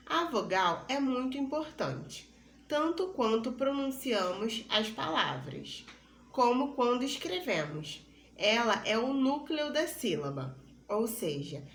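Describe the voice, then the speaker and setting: Slow, patient teacher woman. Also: a little high, a bit bright. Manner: slow, patient, spells out vowels for children to repeat. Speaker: primary school teacher. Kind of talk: recorded lesson for young children. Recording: echoey room with faint noise.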